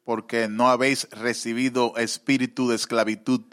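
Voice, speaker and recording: A man preaching a sermon, halting with fillers, then rising into fervent, emotional pleas. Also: mid-range voice, flat delivery, a bit bright.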